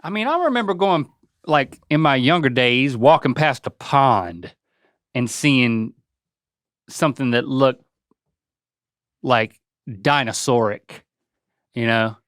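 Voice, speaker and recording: A man with a mid-pitched voice that moves up and down a lot. He chats as a co-host with a wry, conversational delivery, and the sound is dry with no room echo. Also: animated, slow pace, pauses often, fairly bright tone, clean tone. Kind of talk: casual chat.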